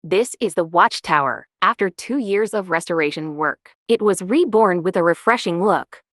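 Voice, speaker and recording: A woman giving calm, measured, scripted travel narration as a vlogger on a winter hike. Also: on the low side, no room sound, clean studio sound.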